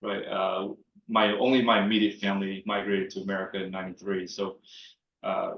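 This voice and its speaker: A low-pitched man speaks in a halting, casual way, full of fillers as a startup co-founder. The sound is roomy with a lot of echo and comes through dull and lo-fi. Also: flat delivery. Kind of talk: casual panel talk. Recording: echoey, dull lo-fi room sound.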